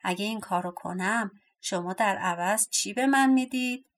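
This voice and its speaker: A woman reading a gentle village girl. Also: mid-range voice, natural voice. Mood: calm.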